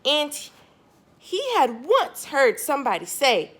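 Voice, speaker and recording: A woman reads a picture book aloud to young children, stressing key words and addressing her listeners directly. Her voice sits high and fairly bright, with huge pitch swings, and she takes it slowly. A little hiss or hum is audible.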